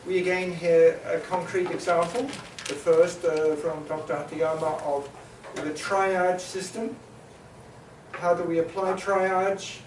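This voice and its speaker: Moderating a panel, this New Zealand man, a native Maori speaker, has a slightly high voice and keeps stopping, restarting and filling gaps with hesitant noises while he sums things up. A distant mic picks him up in a reverberant hall over constant background hiss.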